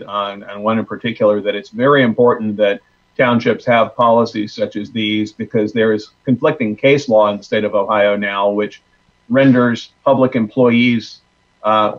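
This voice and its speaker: A man explaining a policy at a board meeting as a township trustee, in a halting, measured way. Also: fairly low pitch. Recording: dull, muffled meeting audio.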